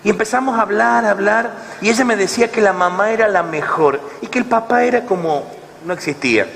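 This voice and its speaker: A man with an Argentine accent preaching, telling a story in an animated way and acting out both sides of a dialogue. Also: sits high, a little fast, creaky, a little hiss or hum. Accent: Argentine Spanish. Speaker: lay preacher. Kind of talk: storytelling sermon. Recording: long hall reverb, faint ambience.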